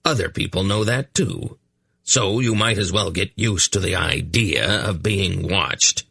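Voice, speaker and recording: A man's voice: low-pitched, measured pace, gravelly, bright, forceful tone, husky, no room sound, exaggerated voice. A man voicing a grumpy hunchbacked old male sorcerer in an audiobook, growling and blunt. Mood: scornful. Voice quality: growling, irascible.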